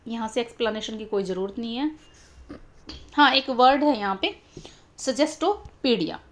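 A young woman who teaches exam prep walks through exam questions step by step over an annotated screen, repeating key terms and mixing English titles into her Hindi. Her fairly high voice is expressive at a moderate pace.

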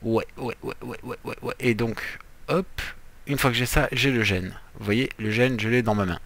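A man's voice: medium pitch, steady tone, moderate pace, a bit bright. A man giving casual, playful gameplay commentary as a let's player, chatty, with jokey asides while he explains what he is doing.

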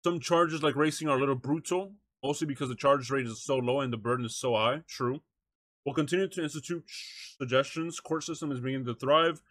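A brisk, steady mid-range male voice, slightly bright and free of echo. He streams live, reacting to a video and reading aloud into a close microphone while chatting slangily with his audience, saying "bro" and "chat" often.

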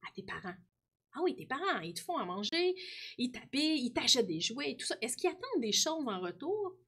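Woman teacher, reads to kids, questioning, slightly high and breathy. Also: sing-song, a little fast. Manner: warm, questioning, lots of tag questions. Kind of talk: reading aloud and teaching children.

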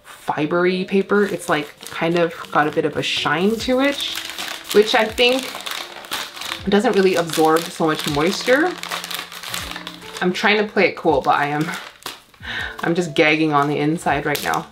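A Canadian woman with a Canadian accent hosting a casual plant unboxing vlog, chatty and gushing with excitement. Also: fairly low pitch, measured pace, long pauses, over music. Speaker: plant channel host.

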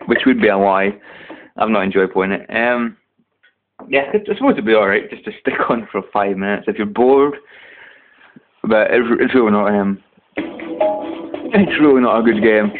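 A young man with a Scottish accent giving casual, sweary, excitable commentary while playing a game. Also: on the low side, normal speed, long pauses. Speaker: gamer. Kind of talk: casual let's play commentary. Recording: tinny phone-like sound with game music.

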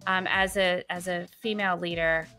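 Bright cheerful woman podcast host. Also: fairly low pitch, steady tone, moderate pace, faint music behind. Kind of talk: business podcast interview. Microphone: studio mic with headphones.

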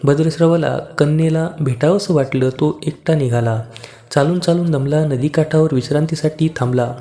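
A man narrating a devotional story in steady, rhythmic short phrases. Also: a little high, moderate pace.

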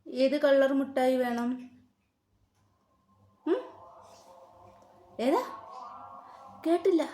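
A mother gently and patiently coaxing her small son with repeated questions in a casual home video. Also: sits high, animated, drawn-out words, soft background music. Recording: echoey room.

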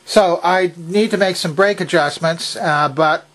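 Heavy background noise surrounds an older man's high-pitched, unhurried voice as he narrates a hands-on repair at an indoor workbench. He is the presenter of a vintage electronics repair video, speaking casually and without a script, methodically step by step.

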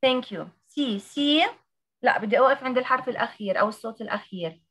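A woman's voice: on the high side, expressive, fast, a bit bright. A woman, teaching English pronunciation on a video call and drilling letter by letter. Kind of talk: online class teaching.

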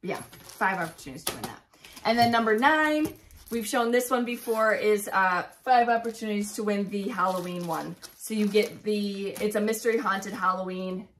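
A woman co-hosting a cross-stitch video show, chatting casually and running through a list of giveaway prizes, upbeat and quick to laugh. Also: medium pitch, a bit bright, slight background noise. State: out of breath.

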